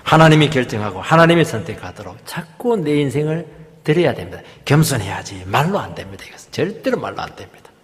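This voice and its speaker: A male pastor preaching a sermon in a church, emphatic, swinging from loud rises down to hushed drops. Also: mid-range voice, very animated, fast talker. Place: church sanctuary. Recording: long hall reverb.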